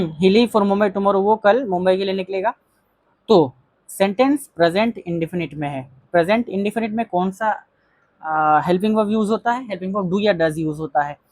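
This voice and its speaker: A teacher giving a grammar lesson, calling viewers friends, repeating key phrases and reading example sentences out slowly. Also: medium pitch, a little mellow, no room sound.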